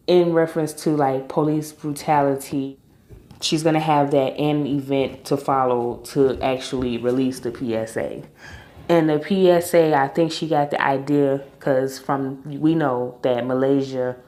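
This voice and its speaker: A woman's voice: sits low, mellow, reverberant. A woman recapping a reality TV episode in a chatty, opinionated way with informal slang. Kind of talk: casual recap commentary.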